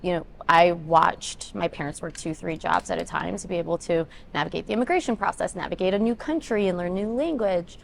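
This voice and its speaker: A woman in her twenties, born in Ethiopia and raised in Denver, answers interview questions as a congressional candidate. Her voice sits on the low side and is brisk and creaky, with few pauses and a slight hiss or hum. She comes across as earnest, running her points together at length and saying um a lot.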